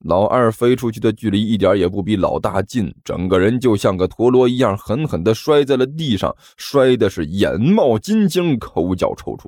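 A man narrating a comic novel as an audiobook in a lively storytelling manner. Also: lowish voice, normal speed, hardly any pauses, dry recording, studio quality. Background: faint music.

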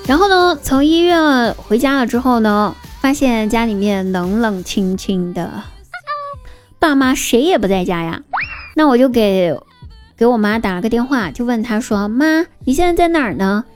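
A young woman streamer tells funny anecdotes in a high, girlish, squeaky-sweet voice. Her delivery is playful and exaggerated, like a performed comic monologue. Light music plays behind her. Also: lively intonation, moderate pace. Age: young adult. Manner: playful, exaggerated, acts out dialogue. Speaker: online streamer and host telling funny anecdotes.

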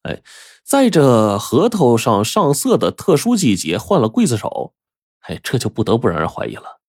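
A man telling a traditional story in a lively, animated storyteller manner. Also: mid-range voice, moderate pace, slightly rough, no room sound, clean studio sound. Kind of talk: oral storytelling.

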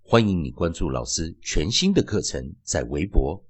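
A man teaching English phonics in a classroom style, repeating sounds and words slowly. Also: breathy edge, dry recording. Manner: slow, drawn-out repetition of sounds and words; very lively, sing-song pitch.

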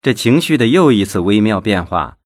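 A man narrating an audiobook in a measured, steady way on a close microphone. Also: on the low side, no echo.

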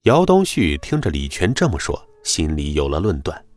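A man narrating a web novel audiobook in an expressive storytelling manner. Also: a bass voice, normal speed, no echo.

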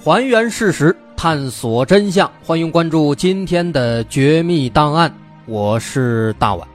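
A man's voice: on the high side, expressive, a little slow. A man with a Mainland Chinese Mandarin accent narrating true crime as a show host, telling it suspensefully with colloquial asides. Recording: music bed behind the voice.

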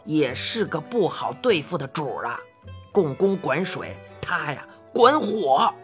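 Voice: mid-range voice, sing-song, unhurried, fairly bright tone, soft background music, pitched below the performer's own voice. A storyteller voicing a cheeky, fearless eccentric old man who banters in colloquial speech. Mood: chatty.

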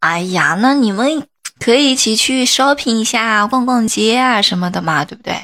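A woman acting a nosy friend who fires off quick, prying questions in a comedy skit. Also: on the high side, expressive, fairly bright tone. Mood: gossipy. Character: nosy, chatty female friend.

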